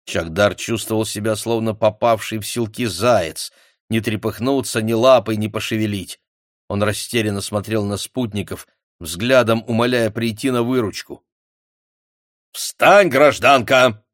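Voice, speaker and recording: A man narrating an audiobook in a measured, expressive reading. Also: on the low side, no echo, clean studio sound. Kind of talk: scripted narration.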